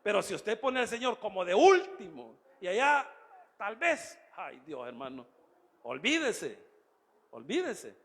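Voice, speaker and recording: A pastor with a high voice preaches emphatically, drumming on "brother" after nearly every point. His sermon rings through a church hall with a long reverb tail. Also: very animated, measured pace, vocal fry, a bit bright. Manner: emphatic, keeps addressing listeners as "brother".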